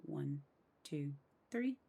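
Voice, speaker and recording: A woman with a low, expressive voice talks extremely slowly over background noise, hosting a game building tutorial. She gives a casual step-by-step voice-over, counting each step aloud under her breath. Loud mouse and keyboard clicks fill the recording.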